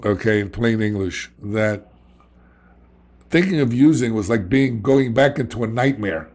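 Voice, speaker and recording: A man's voice: on the low side, measured pace, darkish tone. A middle-aged man with a New York accent, telling his recovery story in a blunt, streetwise way, often checking in with "okay?". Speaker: guest sharing recovery story. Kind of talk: candid conversational storytelling.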